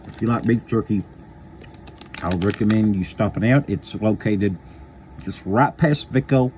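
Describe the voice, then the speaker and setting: A man with a lowish, slightly mellow voice talks at a moderate pace, with a little hiss or hum on the recording. As a local video host, he eats while casually chatting to the camera in a rambling, folksy way full of repeated phrases.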